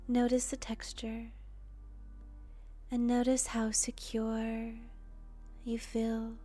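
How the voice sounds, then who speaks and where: A woman guides a meditation in a soft, breathy, soothing voice on the high side, often trailing into a near-whisper. She speaks deliberately and gently, with pauses, over soft background music.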